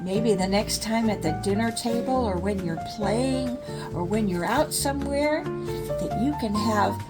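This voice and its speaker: An older woman tells a bedtime story to children, taking on the role of storyteller. A faint, low rumble sits in the background of the recording.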